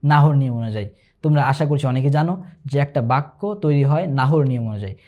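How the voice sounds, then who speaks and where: A male instructor giving an online exam-prep lesson, patiently explaining and repeating key terms, asking himself questions and slowing down to recite example sentences. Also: mid-range voice, animated, lo-fi sound. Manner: slows to recite Arabic examples.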